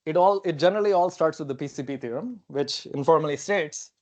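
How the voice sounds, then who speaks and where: Speaking briskly in a slightly high voice, a young non-native English speaker presents a technical seminar talk at a lecture hall whiteboard. Picked up by a lapel mic, he thinks out loud casually, often saying okay and using fillers.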